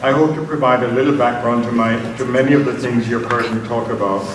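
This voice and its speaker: A man's voice: mid-range voice, fairly even intonation. Guy in his 70s giving a talk, far from the mic, lots of room echo. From Jamaica. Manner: unhurried, personal, with frequent ums and uhs. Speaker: invited lecturer. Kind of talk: academic lecture with slides. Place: large conference hall. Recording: very echoey hall, distant mic, noisy.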